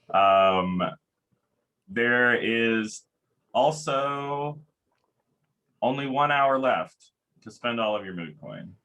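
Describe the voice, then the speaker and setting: Deep slow-talking man making announcements. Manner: relaxed, rambling with fillers. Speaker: conference organizer introducing sessions. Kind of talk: casual announcements.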